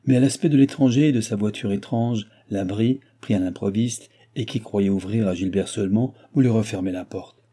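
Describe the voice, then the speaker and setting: A man reads a classic novel aloud at a measured, even pace. His voice is low and very dark, with a husky grain. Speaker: audiobook reader. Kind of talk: audiobook narration of a classic novel.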